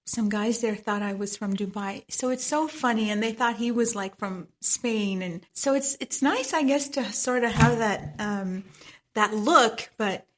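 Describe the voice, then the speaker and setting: A woman's voice: on the high side, a little slow, a bit bright. A woman from Trinidad with a Trinidadian accent, speaking as a guest on a podcast, reflective and often laughing. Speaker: guest, medical esthetician. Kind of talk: podcast interview.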